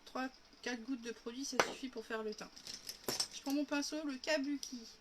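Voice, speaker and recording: A makeup live streamer chats casually through a tutorial from home, demonstrating each step and calling her viewers "girls." She's recovering from an illness and still coughing. Her voice sits high with a steady tone at normal speed, under heavy background noise.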